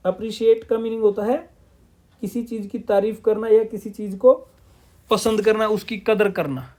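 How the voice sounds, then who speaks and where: A man's voice: sits high, steady tone, moderate pace, a little mellow. A man teaching a lesson, asking and answering his own questions and mixing English terms into his Hindi. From Punjab, India. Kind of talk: classroom-style lesson explanation.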